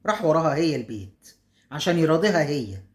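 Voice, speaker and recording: A woman's voice: sits low, big pitch swings, fast talker, a little mellow. Chatty Egyptian woman telling a story. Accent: Egyptian Arabic. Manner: chatty, with asides to viewers. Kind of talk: casual spoken storytelling.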